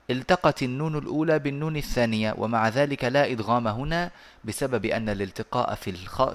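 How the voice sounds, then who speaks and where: Male recitation teacher on a voice call, mid-pitched voice, halting explanations with pauses, chants quoted verses. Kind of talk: online lesson explanation. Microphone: online voice call.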